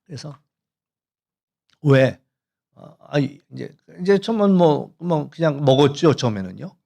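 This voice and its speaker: A man preaching a Friday sermon as pastor, telling a story in a conversational way and clearing his throat often. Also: fairly high pitch, animated, measured pace, mellow. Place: church sanctuary.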